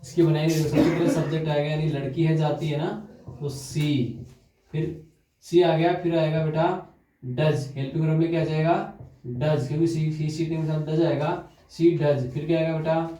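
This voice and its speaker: A man teaching English grammar, dictating example sentences slowly and quizzing students with repeated questions. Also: on the high side, steady tone, warm tone. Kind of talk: classroom grammar lesson. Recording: echoey room, far from mic.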